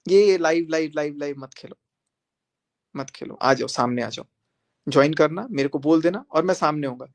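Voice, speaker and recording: A young social media creator rants on a live stream, defiant and confrontational toward his critics, hammering points home by repeating phrases. He talks at normal speed, his voice a little high.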